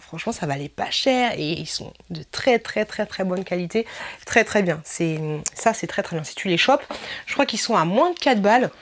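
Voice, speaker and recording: A woman chatting casually as she reviews products for her viewers, informal, laughing often and talking to the viewer directly. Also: medium pitch. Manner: addresses the viewer as tu. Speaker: vlogger reviewing shop products.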